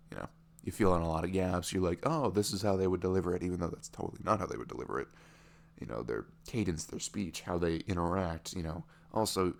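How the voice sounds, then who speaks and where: This is a male ASMR roleplay performer voicing a vulnerable, smitten young neurodivergent boyfriend who is meeting his online love. Hushed and musing, he speaks in a low, creaky voice that often drops to a whisper, halting frequently, with soft chuckles and repeated "you know."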